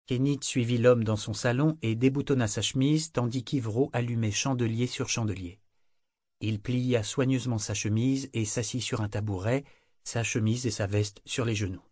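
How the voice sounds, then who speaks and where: Male audiobook narrator, mid pitch, dry close read, steady delivery. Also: normal speed, dry recording. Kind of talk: scripted narration.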